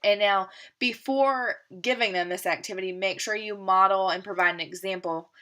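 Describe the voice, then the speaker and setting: A woman teacher lays out a literacy lesson plan step by step. She speaks in a steady, methodical way at a middle pitch, now and then pausing on a filler. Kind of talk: explaining a lesson plan, partly read.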